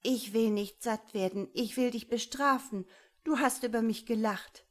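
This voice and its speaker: A woman's voice: fairly high pitch, measured pace, mellow, voice pushed up. A woman voicing a lame young female puma in a storybook reading, speaking fiercely. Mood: indignant.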